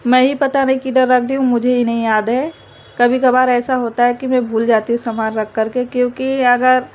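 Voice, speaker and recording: A young woman talks her way through her household chores in a chatty, rambling vlog. Her voice sits fairly high and keeps a flat, even melody. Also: highs cut off, slight background noise. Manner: chatty, rambling, fillers of "matlab". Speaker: vlogger, mother. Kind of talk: casual home vlog narration.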